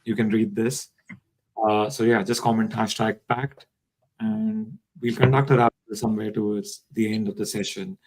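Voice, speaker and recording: A man's voice: fairly low pitch, normal speed, darkish tone, breathy edge, low-quality recording. A man hosting a live online session, welcoming viewers and reading out their comments over a video call. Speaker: live-stream host.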